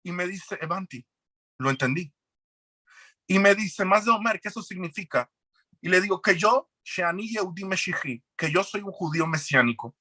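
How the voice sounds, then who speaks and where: A man with a high, bright voice tells his personal testimony as a guest, earnest and serious. He acts out the lines of the people in his story. The sound is dry and close, with no room echo. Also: lively intonation, moderate pace, breathy edge. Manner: earnest, retells events with quoted dialogue.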